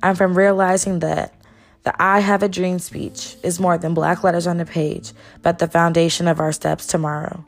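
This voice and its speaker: Young woman, from Texas, low-ish voice, rhythmic spoken-word recital, faint music underneath. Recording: soft music behind voice.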